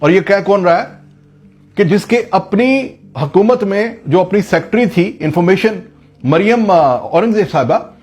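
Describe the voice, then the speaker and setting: A man's voice: sits high, expressive, normal speed, a little mellow, breathy edge. A man from Pakistan giving an impassioned, sarcastic political commentary full of rhetorical questions.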